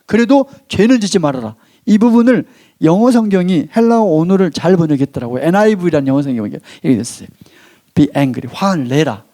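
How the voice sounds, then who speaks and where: A male pastor giving a sermon in a church, his voice pitched a bit high with lively rises and falls. His tone is mellow and warm. He draws out key phrases slowly, then lets his voice sink, and he has the congregation read along with him. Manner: leads the congregation in call-and-response reading.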